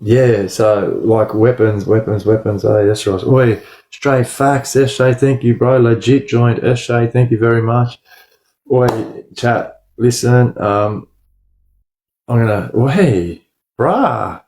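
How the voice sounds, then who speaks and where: A Sydney man hosts a livestream, rambling casually in blunt street slang, repeating phrases and addressing listeners as bro or lad. He speaks slowly in a low-ish voice with a warm tone.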